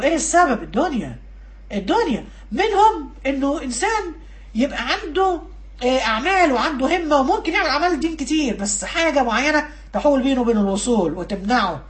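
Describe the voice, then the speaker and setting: A woman with an Egyptian accent delivering a religious lesson at a brisk clip. Her voice sits a little high, and she slips into imagined inner voices as she talks. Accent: Egyptian Arabic. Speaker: religious preacher.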